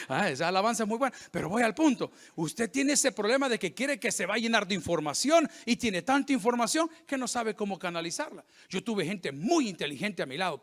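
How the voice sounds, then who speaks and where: The voice of this middle-aged pastor sits high as he preaches. His sermon is full of jokes and energy, and he acts out the voices of those he quotes.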